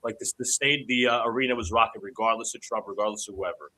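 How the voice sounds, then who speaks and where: A man with a lowish voice talks fast on a rough recording, hosting a live stream where he calls basketball play-by-play and chats with his co-host. Sounding congested from allergies, he's excitable and shouts on big plays in this watch-along commentary.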